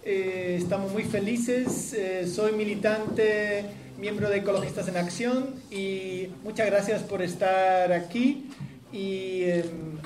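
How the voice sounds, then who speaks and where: A man's voice: high-pitched, darkish tone, a little hiss or hum. A man, an activist panelist, giving a friendly, hesitant greeting at a conference. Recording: echoey hall, distant mic.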